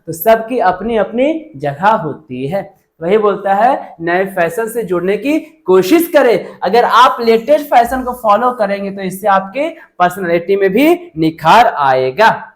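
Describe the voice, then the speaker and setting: A woman's voice: medium pitch, lively intonation, a little slow. A woman teaching a university lecture. She mixes textbook phrasing with casual speech, asks herself rhetorical questions and repeats each point twice. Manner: mixes textbook Hindi with colloquial local speech.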